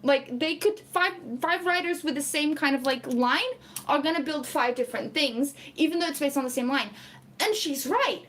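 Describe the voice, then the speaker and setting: A woman's voice: sits high, normal speed, fairly bright tone. A young Portuguese woman, English not her first language, chatting casually on a stream, reading comments and laughing often. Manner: chatty, laughs a lot, lots of "like" fillers. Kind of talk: casual live chat.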